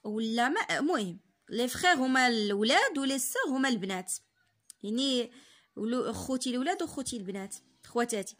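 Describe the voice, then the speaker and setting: Moroccan girl in her 20s teaching french, kinda high voice, reads slow then explains fast in darija. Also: expressive, a bit bright. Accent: Moroccan Arabic. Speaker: tutor.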